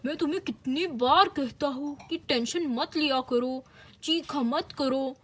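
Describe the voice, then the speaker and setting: A woman's voice: high-pitched, unhurried. A woman voicing an easygoing husband who mildly scolds his wife, in a doll-play story. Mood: scolding calm.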